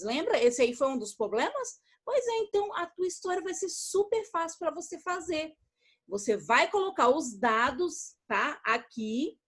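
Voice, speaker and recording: A woman teacher with a Brazilian Portuguese accent, giving a recorded lesson to young children, patient and affectionate, checking in after every step. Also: high-pitched. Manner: affectionate toward pupils, uses diminutives. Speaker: primary school teacher.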